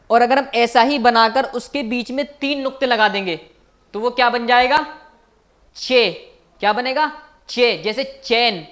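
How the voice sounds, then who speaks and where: A man's voice: very high voice, a bit bright. Patient male teacher quizzing his class. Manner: patient, repeats each point and quizzes the viewers. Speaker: Urdu language teacher. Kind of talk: recorded online lecture at a board.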